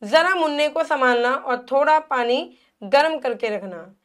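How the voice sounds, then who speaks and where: A woman's voice: high-pitched, a little slow. A woman voicing a brusque village father who gives orders in a hurry, read out in a storybook lesson. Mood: urgent. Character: brusque village father bossing his daughter.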